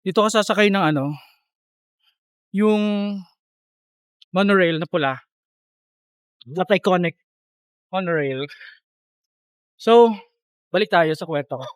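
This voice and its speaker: A man's voice: high voice, slow, pauses often, clear, resonant tone, dry recording. A man vlogging while walking outdoors, chatting and telling a story in casual speech, a bit out of breath from the uphill walk. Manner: chatty storytelling, mixing Filipino and English. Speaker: travel vlogger. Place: outdoors on city streets. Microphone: handheld phone or camera. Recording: street noise behind the voice. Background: street traffic noise.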